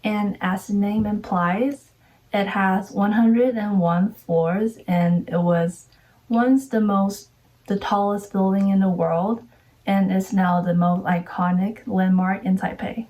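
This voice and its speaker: Woman from taiwan walking through her slides, soft mellow voice, sounds a bit off mic. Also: medium pitch, steady tone, slow pace, far from the mic, rough recording. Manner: earnest, step-by-step explaining. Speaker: presenter. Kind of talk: prepared slideshow presentation.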